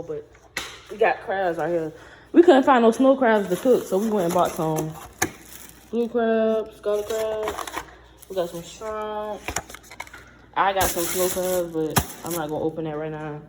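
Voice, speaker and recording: A woman's voice: lowish voice, measured pace. Playful woman vlogging, noisy room. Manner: playful, bantering, sassy. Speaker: vlog host. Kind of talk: casual vlog chat. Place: home kitchen, indoors. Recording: noisy room, home camera audio.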